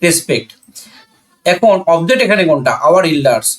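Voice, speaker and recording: At a normal speed but with big swings in pitch, a slightly high-voiced man with a Bangladeshi accent walks through grammar like a classroom teacher. He's methodical and didactic, answering the questions he poses and returning to key points through repeated phrases.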